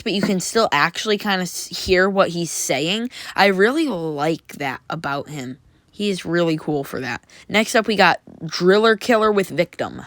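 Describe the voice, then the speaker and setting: A woman's voice: fairly low pitch, fairly bright tone, no room sound, clean studio sound. A woman casually reviewing Halloween props, chatty and enthusiastic with lots of fillers. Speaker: prop reviewer.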